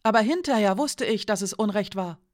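A woman's voice: mid-range voice, fairly quick, voice pushed up, close to an everyday voice. A woman reading an audiobook, voicing a young woman full of guilt who pleads through tears. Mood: tearful. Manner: pleading, emotional.

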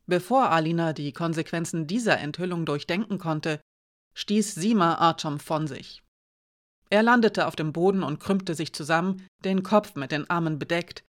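An audiobook narrator reading a novel in an even, measured way. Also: medium pitch. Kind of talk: scripted narration.

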